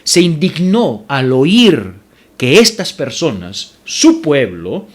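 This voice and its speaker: A pastor preaches a sermon from the pulpit in a fairly high, lively voice that swings up and down, yet he speaks slowly. He presses his points emphatically, repeats his scripture references, calls the congregation brothers, and rises sharply when indignant.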